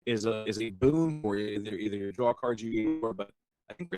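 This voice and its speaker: A man doing lively live commentary on a card game match, chatty and quick to laugh. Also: fairly low pitch, over music. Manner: excitable, chatty, laughs often. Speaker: caster.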